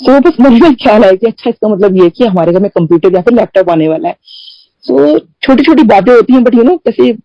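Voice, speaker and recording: A middle-aged woman, a devotee, shares personal testimony in a conversational satsang, her slightly high voice animated and fairly quick on a dry, lo-fi recording. She tells devotional stories, acting out quoted dialogue and mixing in English phrases and "you know" fillers.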